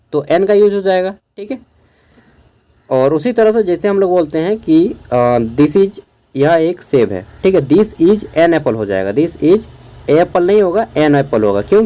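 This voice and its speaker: Mellow-voiced young man teaching. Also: high voice. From Jharkhand, India. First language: Khortha. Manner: explains slowly, spells words out letter by letter; keeps checking in with listeners. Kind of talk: casual exam-prep lecture.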